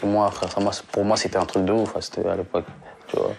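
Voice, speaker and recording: A man's voice: sits low, fast talker, vocal fry, slight background noise. A young man from Congo, a singer, chatting casually in an interview, slangy and full of restarts and fillers. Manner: relaxed slangy talk with many restarts and fillers. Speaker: singer guest.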